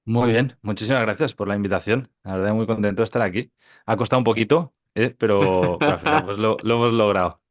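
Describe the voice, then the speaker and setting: This low-voiced man in his 30s comes from Catalonia, Spain, and appears as a podcast guest who works as a digital entrepreneur. He tells stories in a casual interview, speaking informally and haltingly with repeated words and tag questions.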